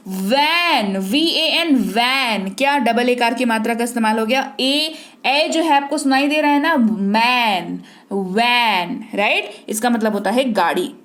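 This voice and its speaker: Female teacher, high voice, patient and repetitive, quizzes the learner. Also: fairly bright tone. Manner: patient, repeats and quizzes the viewer. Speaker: English teacher. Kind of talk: spoken language lesson.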